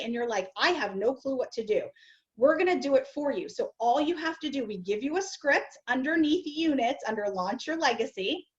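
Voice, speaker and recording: A woman coaching new sellers in a casual talk on a video call. She is animated, often tags her sentences with "okay?", and acts out other people's voices. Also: sits high. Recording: slightly dull lo-fi audio.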